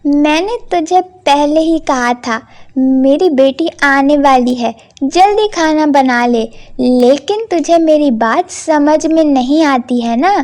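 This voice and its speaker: A woman voicing a cruel, harsh stepmother who scolds and shouts in a cartoon story. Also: high-pitched, takes it slowly. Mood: scornful angry. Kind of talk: cartoon voice acting.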